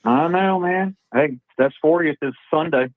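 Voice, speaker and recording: A man's voice: fairly high pitch, unhurried, dry recording. A man with an Oklahoma accent chatting casually with his brother on a phone call, easygoing and affectionate. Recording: dry, tinny phone line.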